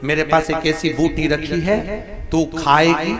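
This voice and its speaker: A mischievous old holy man, voiced by a male preacher, coaxing and needling others in a high, lively voice. Music runs clearly behind him. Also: a little slow, lightly acted. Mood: teasing, coaxing.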